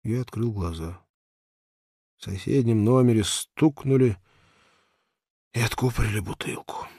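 A man narrating a humorous short story as an audiobook, in a measured storytelling manner that sinks to a murmur. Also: on the low side, warm tone, slightly rough, no echo, clean studio sound.

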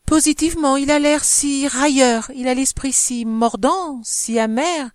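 A woman's voice: high-pitched, measured pace, dry recording, studio quality, voice pushed up. Woman reading as a startled young wife. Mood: hesitant. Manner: raised, surprised, hesitant stammering. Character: young society wife, surprised and timid. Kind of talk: audiobook character reading.

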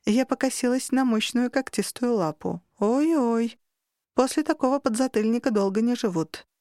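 A woman narrating an audiobook in the first person, with lively, wry storytelling. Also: on the high side, moderate pace, no room sound, studio quality.

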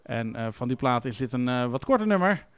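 Male radio DJ, mid-pitched, relaxed and halting between songs, crisp dry studio sound. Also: no room sound. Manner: casual, hesitant with many fillers. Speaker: radio host.

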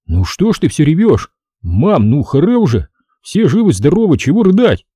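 A man's voice: a little high, wildly swooping pitch, normal speed, dark tone, slightly rough, no echo, studio quality, pitched above the performer's own voice, heavily acted. A man reading an audiobook, voicing a young soldier who speaks brashly and impatiently, in slang. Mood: agitated. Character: blunt young soldier son.

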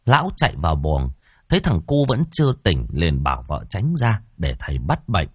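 A man's voice: lowish voice, dry recording. A man narrating a ghost story dramatically.

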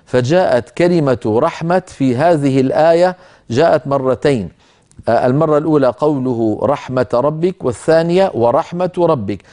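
A middle-aged man teaching a Quranic reading rule, explaining in a calm, measured way and slowly chanting verse quotations. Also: on the high side. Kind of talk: lecture on a tajweed poem.

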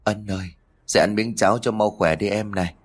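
A gentle older sister voiced by a man speaks quietly to comfort. The voice is low and soft. It is part of a read-aloud story. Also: fairly even intonation, fairly quick, natural voice. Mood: soothing.

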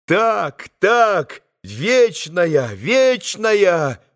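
A man voicing a crowd of young boys shouting together in an audiobook. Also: high-pitched, very animated, very slow, voice pushed up, full character voice. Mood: rapturous. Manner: shouting in unison. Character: chorus of boys, young and rapturous. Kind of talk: audiobook character reading.

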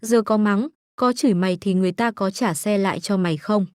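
A weary, tender country mother, read out by a woman narrator. She speaks soothingly and sadly, in a slightly deeper, softer voice. The sound is close and dry. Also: brisk, no echo, close to an everyday voice. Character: weary, loving middle-aged rural mother.

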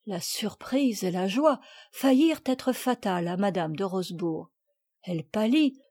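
A woman reading a classic children's novel aloud in a clear, measured storytelling manner. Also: on the high side, warm tone, dry recording, studio quality. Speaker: audiobook reader.

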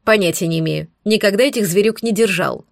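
A woman's voice: medium pitch, fast, gravelly, no room sound, clean studio sound, lightly acted. Woman playing a sneering rude young man. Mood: dismissive. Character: sneering young male student, rude and cowardly.

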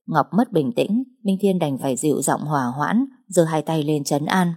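A woman narrating an audiobook in a steady storytelling manner. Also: low voice, moderate pace, breathy edge.

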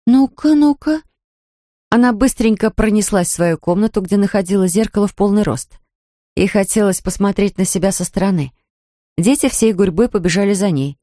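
A woman narrating an audiobook in an even storytelling manner. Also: medium pitch, a little fast, no echo, studio quality. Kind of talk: scripted narration.

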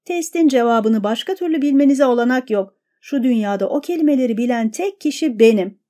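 A man's voice: very high-pitched, lively intonation, a little fast, mellow. Brief: woman doing a proud, quarrelsome male lawyer who accuses sharply, storybook reading. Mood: accusing.

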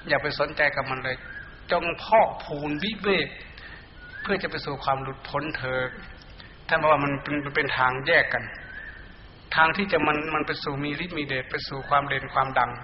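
A male Buddhist monk gives a meditation dharma talk to monks and laypeople, speaking bluntly and colloquially, sometimes scolding and chanting Pali verses. His voice is on the high side, steady and fast. The hall recording is muffled and echoey, with faint hiss.

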